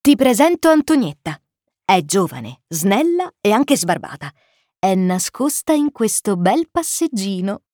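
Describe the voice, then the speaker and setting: A woman's voice: medium pitch, sing-song, measured pace, mellow, no echo, clean studio sound. A woman voicing a kind stranded pilot. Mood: gentle coaxing. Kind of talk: storybook reading.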